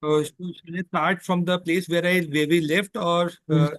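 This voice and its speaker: A male lawyer with an Indian English accent explains things in a measured way, using "basically" a lot, while his video call audio glitches and cuts out. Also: fairly high pitch, level tone. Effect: glitching, cutting-out call audio.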